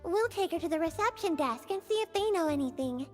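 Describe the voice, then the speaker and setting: A shy, eager young woman from a video game, her voice extremely high and soft. She hesitates and trails off as she speaks, with lilting movement in the pitch. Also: animated, brisk, faint music behind.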